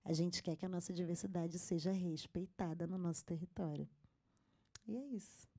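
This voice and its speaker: A woman's voice: fairly low pitch, fairly even intonation, moderate pace, mellow. A woman speaking as a panelist at a symposium, earnest and emphatic, with frequent fillers. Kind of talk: panel talk. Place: symposium stage.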